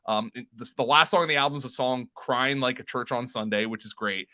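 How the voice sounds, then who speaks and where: Bright-voiced man chatting enthusiastically. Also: mid-range voice, fairly quick. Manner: enthusiastic, rambling with fillers and restarts. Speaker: podcast co-host. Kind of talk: casual chat.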